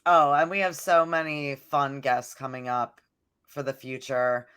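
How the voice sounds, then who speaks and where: A woman's voice: very deep voice, little pitch movement, unhurried, fairly bright tone, smooth. A woman co-hosting a podcast, telling stories in casual chat and leaning on "like" a lot. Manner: chatty storyteller, fills talk with "like". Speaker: podcast co-host.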